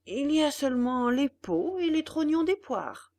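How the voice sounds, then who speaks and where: A woman voicing a kind, patient old woodcarver father in a storybook reading, gently lecturing. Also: high voice, very animated, measured pace, voice pushed up, exaggerated voice.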